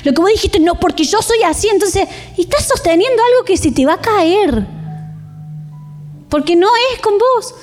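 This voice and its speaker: A woman with an Argentine accent preaching a sermon in church, animated and expressive, acting out everyday scenes. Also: extremely high pitch, normal speed, faint music behind. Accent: Rioplatense Argentine Spanish.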